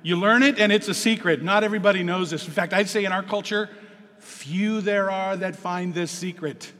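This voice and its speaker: A man preaching a sermon as pastor, swinging from quiet asides to loud, emphatic peaks. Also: high voice, moderate pace, big-room sound.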